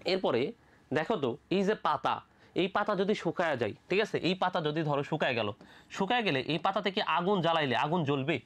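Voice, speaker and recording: Speaking fast in a mid-range voice, a teacher from Bangladesh runs an energetic medical admission biology class. He restates every question, answers it, and keeps checking on his students, all in a colloquial style with playful asides.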